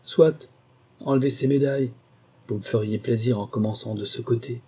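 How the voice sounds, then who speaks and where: A man's voice: mid-range voice, fairly even intonation, normal speed, mellow, slightly rough, natural voice. A man reading a story, voicing a scheming, sarcastic wife who mocks and goads a burglar. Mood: haughty. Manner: cold, mocking, haughty.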